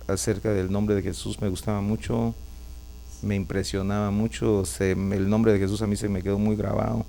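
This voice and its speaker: A middle-aged man with a Guatemalan Spanish accent speaks as a pastor in an interview. His voice is low and gravelly with noticeable fry. He talks in an easy, chatty way and keeps tagging his sentences with a questioning "right?", over a faint mains hum. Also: a little mellow. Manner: chatty, often tags lines with a questioning "right?". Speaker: pastor and prophet, interview guest. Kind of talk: relaxed testimony interview.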